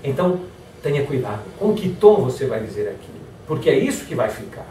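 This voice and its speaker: In an echoey hall, recorded from afar, a man with a medium-pitched voice speaks fairly quickly over slight background noise. His motivational lecture is lively, and he acts out example phrases with varied tones.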